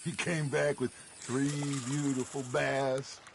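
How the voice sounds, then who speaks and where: An actor playing a veteran frontier outlaw in a game who tells old stories in a gravelly, slow, nostalgic way. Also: male voice, medium pitch, level tone, slight background noise.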